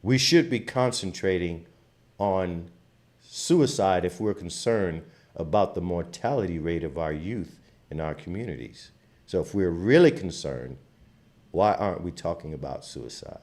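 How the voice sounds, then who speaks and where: A man's voice: deep voice, expressive, a little slow. A man from Trinidad and Tobago, giving an impassioned, emphatic commentary as a channel host. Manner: impassioned, emphatic, grows louder when fired up. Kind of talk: opinionated commentary monologue.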